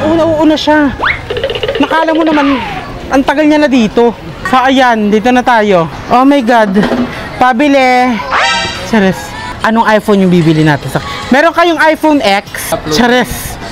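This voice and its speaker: A vlogger chatting casually to a handheld phone camera, excitable and joking, out on city streets and in a shop. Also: high-pitched, moderate pace, over music, low-quality recording. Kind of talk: casual vlog chat. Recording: busy street noise. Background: traffic noise.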